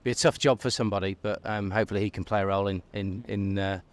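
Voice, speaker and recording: A man in his forties with a lowish voice gives a considered street interview. He picks his words with frequent pauses, speaking into a handheld mic. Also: fairly even intonation. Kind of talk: street vox pop interview. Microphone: handheld interviewer's microphone.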